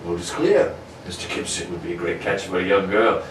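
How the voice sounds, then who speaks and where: A man playing Doctor Watson, a genial, excitable gentleman sidekick in a radio mystery, exclamatory and courteous in an old-fashioned way. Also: low voice, brisk. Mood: curious. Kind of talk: 1940s radio mystery acting. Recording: roomy, distant, noisy recording.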